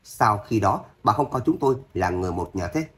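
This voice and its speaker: A man's voice: on the low side, expressive, a little fast, natural voice. A man voicing a cold, vengeful young son-in-law who speaks harshly in an audio story. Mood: cold scorn.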